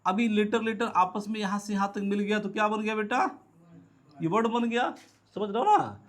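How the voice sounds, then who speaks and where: High-voiced man teaching a class. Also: moderate pace. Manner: asks and answers his own questions, repeats key words; calls students "beta". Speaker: English teacher. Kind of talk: classroom lecture.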